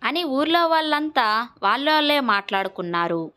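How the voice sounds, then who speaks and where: Bright, clear female storyteller. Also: high voice, sing-song, normal speed. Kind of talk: scripted children's story narration.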